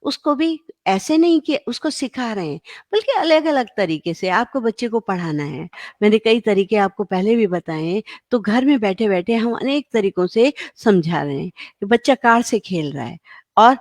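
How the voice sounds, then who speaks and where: Middle-aged lady talking parenting tips, lively, acts out the kids and parents, dry sound. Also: mid-range voice, moderate pace, no room sound. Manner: lively, acts out parents and children in quoted voices. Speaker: parenting educator. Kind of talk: parenting talk to camera.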